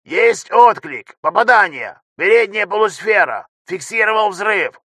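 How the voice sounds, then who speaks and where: A man voicing a frantic young male ship technician who shouts rapid reports over the intercom, in an audiobook reading. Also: high voice, expressive, no room sound, pitched above the performer's own voice, full character voice. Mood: shouting urgently.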